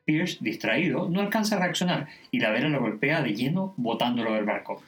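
Man narrating a sitcom, casual, amused, lively, mid pitch. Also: fairly quick.

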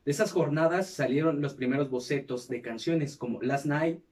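A man's voice: fairly high pitch, moderate pace, darkish tone, distant mic. Mexican man telling band history, slangy. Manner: heavy slang and crude banter. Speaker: podcast host. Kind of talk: casual chat, reading history.

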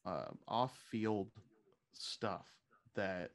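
A man with a lowish voice and drawn-out words co-hosts a fantasy football podcast. He chats casually, thinking aloud and frequently restarting his sentences.

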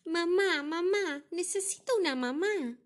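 A woman's voice: high voice, animated, normal speed. An Argentine woman voicing a tiny, lonely young male bird in a storybook reading, in a pleading, childlike way. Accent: Argentine Spanish. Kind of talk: storybook read-aloud.

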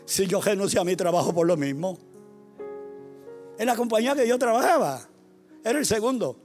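An older man, a retired pastor preaching a sermon, repeating his phrases and swinging between quiet storytelling and loud exhortation. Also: high-pitched, animated, normal speed, soft background music. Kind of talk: sermon with personal stories.

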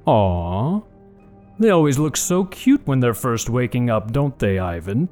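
A man's voice: medium pitch, sing-song, measured pace, a little mellow. A man acts out an older, burly safari hunter as a tabletop game villain. He is showy and amused, talking down to everyone with jovial condescension over faint music. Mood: amused, cooing. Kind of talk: in-character tabletop role-play.

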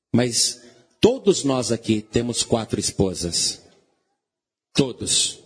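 A man's voice: medium pitch, husky. A man preaching a sermon as a pastor, telling a parable with dramatic storytelling.

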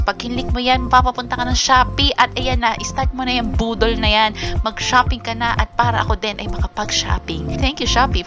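A woman podcast host with a slightly high voice chats gently and reacts softly. Music plays clearly behind her. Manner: soft listener, brisk upbeat ad read. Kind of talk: casual chat.

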